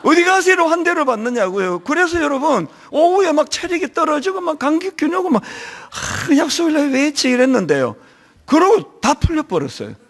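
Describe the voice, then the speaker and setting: A middle-aged man preaching a sermon as senior pastor, telling stories in an animated way with a touch of a lingering cold. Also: very high voice, fairly quick. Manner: animated storytelling, acting out quoted voices. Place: church.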